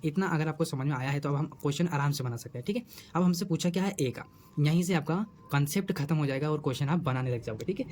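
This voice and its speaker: Quick-talking male math teacher. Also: on the high side, darkish tone, slight background noise. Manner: repeats questions to the students, coaxing. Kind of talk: whiteboard math lesson.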